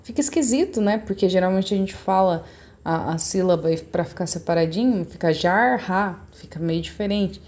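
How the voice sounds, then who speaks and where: A woman's voice: on the low side, fairly quick, dark tone. A woman teacher from Brazil, patiently explaining a remote lesson step by step to young pupils. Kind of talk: recorded remote class lesson.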